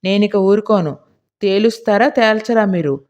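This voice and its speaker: A woman reading an audiobook voices a scolding middle-aged village housewife with a shrill, indignant, nagging delivery. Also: moderate pace, a little mellow, lo-fi sound, lightly acted.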